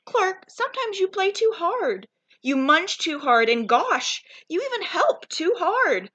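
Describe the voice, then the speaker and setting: A gently firm storybook schoolmistress, voiced by a woman reader, patient and instructive. She speaks slowly in a bright, high voice, calmly correcting her pupil. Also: exaggerated voice. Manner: calm, instructive, admonishing. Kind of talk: children's storybook character.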